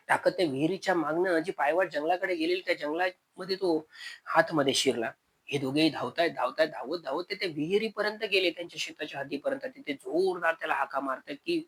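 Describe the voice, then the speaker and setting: A man's voice: a little high, a bit bright, husky, low-quality recording. A man with a Konkan Marathi accent narrating a spoken village horror story, acting out frightened calls to a missing brother.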